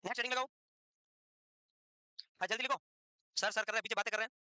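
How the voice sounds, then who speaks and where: A male teacher lecturing his class in a brisk, scolding, teasing way. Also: high voice, fairly even intonation, bright, forceful tone, clear, resonant tone, no echo.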